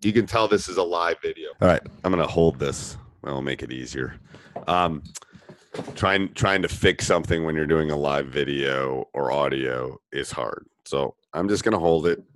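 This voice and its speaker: A middle-aged basketball coach and podcast host answers listener questions casually in a live Q and A, drawing on his experience. His very low voice sounds deeper than normal and thick from a cold, and he rambles at a normal speed with plenty of fillers and restarts. The sound is dry and close, with no echo or room around it.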